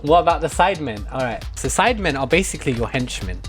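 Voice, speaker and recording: British streamer, mock-serious, over music. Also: male voice, a little high, sing-song, fast talker, fairly bright tone. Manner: mock-serious, breaking into chuckles. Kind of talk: mock lesson to live stream chat.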